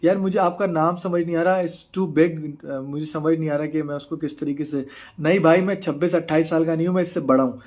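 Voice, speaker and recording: On his live stream, a Pakistani bodybuilder in his thirties reads out comments and replies in relaxed Urdu sprinkled with English. His voice is on the high side, steady, and a little mellow, with plenty of filler pauses.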